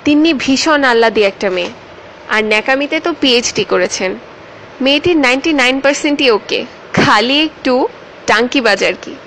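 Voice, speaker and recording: Woman narrator, wry teasing tone, slightly high voice, faint hiss. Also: expressive, fairly quick, a bit bright, rough recording. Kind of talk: scripted comic narration.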